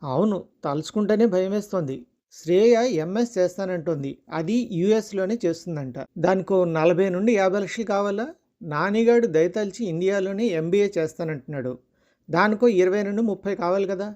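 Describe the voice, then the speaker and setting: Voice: medium pitch, a little fast, mellow, muffled recording, close to an everyday voice. A storyteller voicing a middle-class working wife and mother who is irritable and sarcastic, read in a storybook style. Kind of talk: storytelling dialogue.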